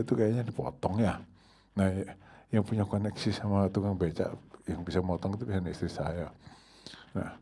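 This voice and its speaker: Middle-aged male preacher, dark husky timbre, storytelling style with big swings. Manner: storytelling, acts out his own anger with sharp rises in pitch and volume. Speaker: pastor. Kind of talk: sermon.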